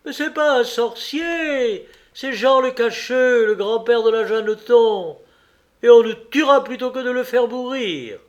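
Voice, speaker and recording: A man doing shrill, defiant village women. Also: measured pace. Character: angry village women shouting together.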